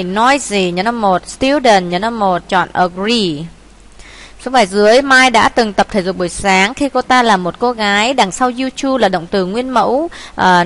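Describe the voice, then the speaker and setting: Woman teacher with a Vietnamese accent, explains test answers, thinks aloud and spells English slowly. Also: medium pitch, a bit bright. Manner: thinking aloud, many fillers, reads English words slowly.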